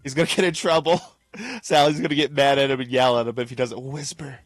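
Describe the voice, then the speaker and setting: A man's voice: medium pitch, steady tone, fairly quick, no room sound. A man giving sarcastic, laughing commentary over a video, mimicking the person in it.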